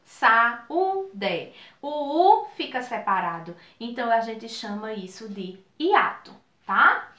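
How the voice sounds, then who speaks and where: A woman's voice: a little high, echoey room. A woman from Brazil teaching a recorded video lesson for children, drawing out the words she spells. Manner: slow, drawn-out spelling of words, lively teacherly sing-song.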